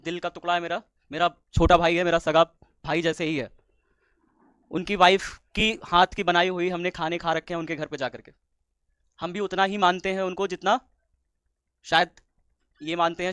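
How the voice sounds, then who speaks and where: A man teaching at a coaching class who speaks to students in an emotional appeal, pleading again and again and rising into loud, fervent declarations. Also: high-pitched, smooth, no echo, clean studio sound. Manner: pleading, with folded-hands requests.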